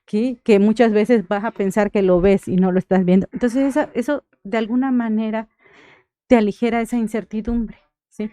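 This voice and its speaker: Here the thanatologist guest, a Mexican woman on a radio interview, speaks at a moderate pace in a fairly high voice with dark tone and fairly even intonation. The recording is dry. Earnest throughout, she checks in with her listener again and again with "right?"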